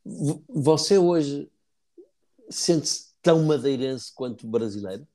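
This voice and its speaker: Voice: mid-range voice, lively intonation, takes it slowly, mellow. An interview host who keeps the chat going with short affirmations and rephrases what the guest says.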